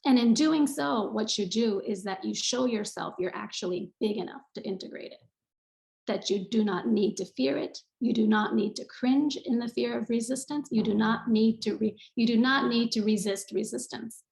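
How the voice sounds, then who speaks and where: A woman's voice: fairly high pitch, moderate pace, creaky, darkish tone, roomy sound, low-quality recording. A woman giving an earnest online talk on yoga, repeating phrases for emphasis like a teacher. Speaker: yoga speaker. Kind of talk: online talk with screen share.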